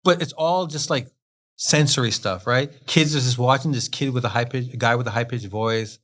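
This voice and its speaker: A man's voice: medium pitch, moderate pace, fairly bright tone. A man chatting casually as a podcast guest, rambling and laughing often, trailing off mid-sentence. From USA.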